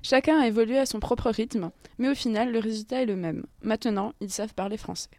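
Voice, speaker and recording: A woman's voice: on the high side, a little fast, darkish tone. A young woman co-presenting a radio segment in semi-scripted chat. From outside France.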